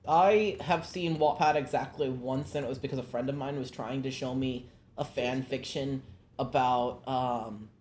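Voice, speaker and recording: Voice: medium pitch, steady tone, moderate pace, a little mellow, slight background noise. A co-streamer chatting casually on a gaming stream, teasing and telling stories with animation.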